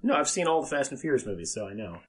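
A man hosting a podcast in casual chat, emphatic and halting, repeating himself and swearing freely. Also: mid-range voice, very animated, a crowd in the background. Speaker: podcast host.

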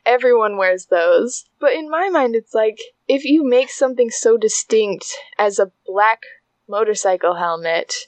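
A woman with a slightly high voice co-hosts a casual podcast, recapping a drama in an animated way. She laughs often and acts out the characters' lines. The sound is dry and close. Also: a little slow, dry recording. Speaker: podcast co-host.

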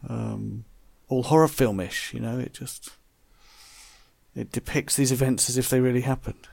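A man with a mid-pitched voice co-hosts a casual film podcast. He weighs his ideas slowly, pausing often and filling gaps with ums, recorded dry and close. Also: fairly even intonation, creaky, a little mellow, no room sound. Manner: thoughtful, hesitant, many ums and pauses. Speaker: podcast co-host.

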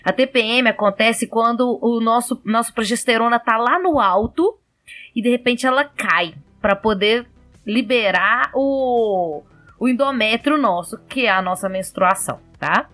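Woman, podcast host, casual explainer, laughs a lot, high pitch, soft music. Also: unhurried. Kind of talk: casual chat.

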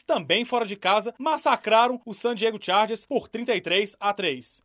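A man's voice: high voice, a bit bright, no echo, studio quality. A man with a Brazilian Portuguese accent presenting a scripted American football radio show as its host.

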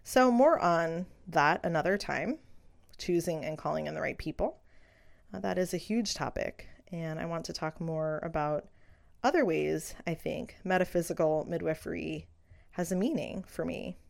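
A middle-aged woman, a midwife, talking through her beliefs in a reflective solo podcast, earnest and unhurried with soft fillers. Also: low-pitched, gravelly.

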